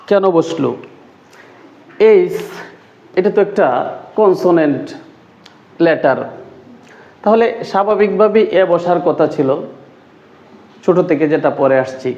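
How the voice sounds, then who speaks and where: Male English tutor, slightly high voice, repeats key words, echoey dull room sound. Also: a little mellow. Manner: repeats key words slowly, asks and answers his own questions. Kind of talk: explaining grammar rules.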